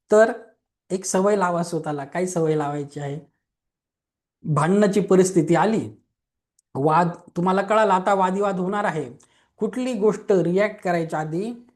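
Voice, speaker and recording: A young adult man is teaching a Reiki webinar over an online webinar mic, and his voice is high with a darkish tone. He explains things simply with questions and everyday examples, often checking whether his listeners agree.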